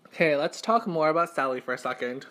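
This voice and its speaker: A young man with a slightly high-pitched voice talks as a mukbang vlogger. He tells his story casually and conversationally, doubling back to rephrase and peppering it with "like". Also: expressive, quick pace, fairly bright tone. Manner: conversational, repeats and rephrases himself, heavy use of "like". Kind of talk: casual storytime chat while eating.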